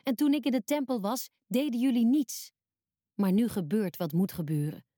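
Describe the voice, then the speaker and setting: A woman reading Jesus, soft and sorrowful. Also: fairly high pitch, sing-song, moderate pace, no echo, studio quality. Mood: grave. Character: sorrowful gentle grown man, Jesus. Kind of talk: children's storybook reading.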